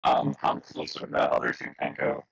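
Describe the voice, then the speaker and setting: A man playing a tabletop game over online voice chat, his call breaking up into glitchy, robotic fragments. He talks in a relaxed, hesitant way. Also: fairly quick, no echo. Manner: relaxed, hesitant with many fillers. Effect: glitchy voice call dropping out, robotic and broken up. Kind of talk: casual tabletop game talk.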